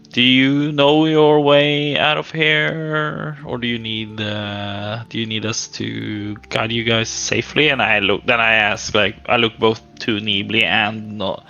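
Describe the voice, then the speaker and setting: A man playing a tabletop game, speaking casually and haltingly as a player. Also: lowish voice, fairly even intonation, vocal fry, sharp tone, dull audio. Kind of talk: casual tabletop role-play.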